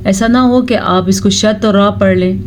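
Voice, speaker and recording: A woman's voice: mid-range voice, steady tone, unhurried, a little hiss or hum. A woman teaching Quran recitation rules, explaining them patiently and repeating sounds to correct pronunciation. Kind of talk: tajweed lesson.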